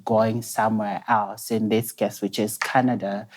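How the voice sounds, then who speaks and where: A Zambian man in his 20s, a talk-show guest seated at a table in an indoor dining room set, shares a personal story. His lowish voice is soft and flat, and he speaks hesitantly with many pauses and restarts.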